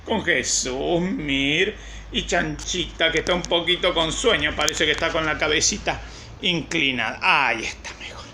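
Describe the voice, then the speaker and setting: A young woman with an Argentine accent, a primary school teacher giving a playful lesson to children at home. She talks in a clear, slow way and stretches words as she teaches. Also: deep voice, pushed and bright, a little hiss or hum. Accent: Rioplatense Argentine Spanish.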